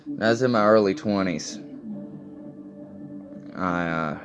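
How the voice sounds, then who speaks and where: A deep-voiced vlogger in his late 20s sits at home with coffee and a cigarette, telling a personal story in a casual way. His speech is a little slow, rambling and profane, packed with fillers, and music plays underneath.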